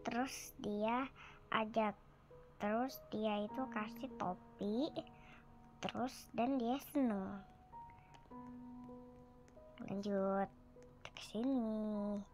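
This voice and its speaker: A woman telling a sad family story off the cuff, halting and restarting, acting out the family's lines. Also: medium pitch, steady tone, darkish tone, soft background music. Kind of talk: improvised spoken story.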